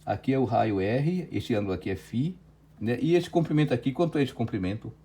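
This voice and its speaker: A man's voice: medium pitch, lively intonation, brisk, dark tone, a little hiss or hum. A Brazilian Portuguese-accented man teaching physics in an online lecture, working through a problem step by step and checking often with "certo?".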